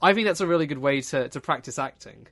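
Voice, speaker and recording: Young guy, rambling jokey podcast banter, bright slightly high voice. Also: quick pace, no room sound. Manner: rambling, joking, swears freely. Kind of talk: casual chat.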